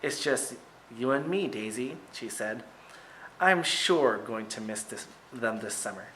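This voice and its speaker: A teacher reads a picture book aloud to kids at a measured pace, his mid-range voice full of expressive emphasis, pausing for short asides. The recording is rough, with a little hiss or hum.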